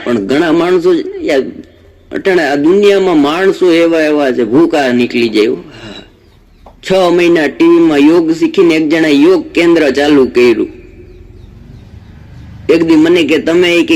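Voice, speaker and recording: A man's voice: fairly high pitch, normal speed, a little mellow. A man doing stand-up comedy on stage, telling jokes as stories with quoted back-and-forth dialogue. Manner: storytelling jokes with quoted dialogue, rhythmic delivery. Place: stage before a live audience.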